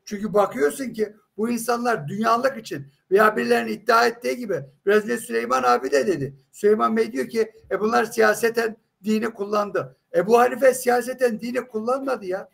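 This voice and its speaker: A man's voice: extremely high pitch, creaky, a bit bright. A man in a heated live religious debate, insistent and emphatic, pressing with rhetorical questions.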